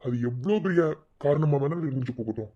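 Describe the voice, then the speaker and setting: A man's voice: mid-range voice, lively intonation, quick pace, dark tone, muffled recording, lightly acted. A man voicing a young son-in-law in a cartoon, soothing and reassuring but firm when he has to be. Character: young son-in-law, calm and protective, stern when needed. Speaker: son-in-law comforting the family.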